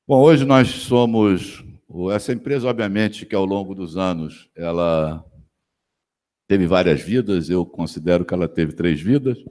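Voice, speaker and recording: A man with a Brazilian Portuguese accent giving a conference presentation on stage, pausing often and restarting phrases. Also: low voice, darkish tone. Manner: halting, many fillers and restarts. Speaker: panel speaker, company executive.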